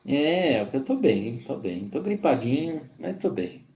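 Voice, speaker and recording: Hoarse, slow-talking man with a cold. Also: medium pitch, sing-song, warm tone. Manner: slow, friendly, greets viewers by name. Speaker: host of a spiritist live stream. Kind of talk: casual greetings to live chat viewers. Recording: echoey room.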